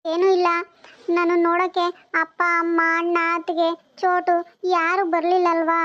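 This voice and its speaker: An actress playing an anxious, gentle young wife who talks in a worried, pleading way. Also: female voice, very high-pitched, completely flat delivery, moderate pace, dull audio. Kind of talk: TV serial acting.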